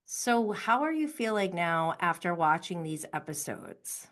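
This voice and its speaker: A woman hosts a casual interview in a slightly low voice. She asks her questions informally and responds with sympathy. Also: sing-song, measured pace, a bit bright.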